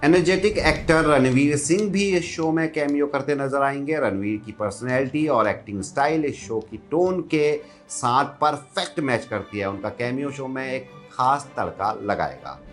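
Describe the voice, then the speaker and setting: A man's voice: medium pitch, expressive, normal speed, hardly any pauses, faint music behind. A man reading a scripted entertainment news roundup in an upbeat, gossipy way.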